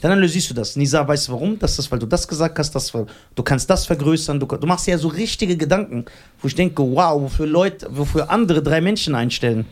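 A man's voice: fairly high pitch, lively intonation, a little fast. A man co-hosting a podcast, chatting casually in a teasing, rambling way with frequent laughter. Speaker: podcast co-host.

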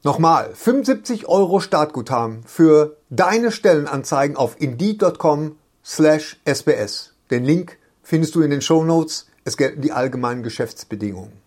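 A man reading a scripted sponsor message in a smooth, even announcer delivery. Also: a little high, normal speed, few pauses. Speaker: ad reader.

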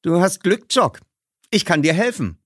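A man's voice: a little high, very animated, normal speed, no echo, clean studio sound, voice pushed up. A man voicing a nervous teenage boy detective who stammers when flustered and tries to sound cool. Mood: bragging. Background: background music.

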